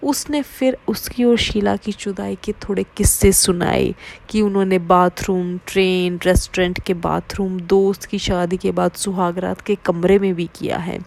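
A woman reading a first-person story aloud in a steady, low-key way. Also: a little slow, gravelly. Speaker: narrator.

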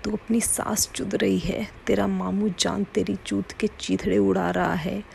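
A woman reading the lines of a brazen middle-aged mother-in-law, breathy and excited. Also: medium pitch, unhurried, slight background noise.

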